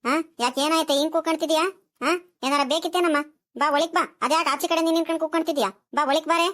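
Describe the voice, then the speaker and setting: A kindly old grandmother from a village cartoon, talking fast and coaxing with drawn-out fillers, as a woman puts her on. Her voice sits a little high for an older woman. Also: fairly even intonation, a bit bright. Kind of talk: cartoon voice acting.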